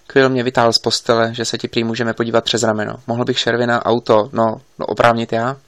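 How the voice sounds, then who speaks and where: A man reading an audiobook, voicing a gruff police lieutenant who grumbles slowly in a gravelly voice. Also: medium pitch, level tone, fairly bright tone, no room sound, close to an everyday voice. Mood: grumpy.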